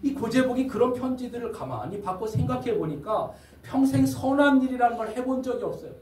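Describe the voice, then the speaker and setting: A man's voice: extremely high pitch, very animated, brisk, a little mellow. A male pastor telling a story in a sermon, acting out the people in it with drama. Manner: dramatic storytelling, acts out quotes. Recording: echoey hall from far off.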